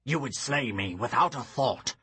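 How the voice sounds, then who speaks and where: A man voicing a stern, bearded, deposed king and father with a deep, growling voice, in an audiobook reading. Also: lively intonation, moderate pace, pushed and bright, husky, full character voice.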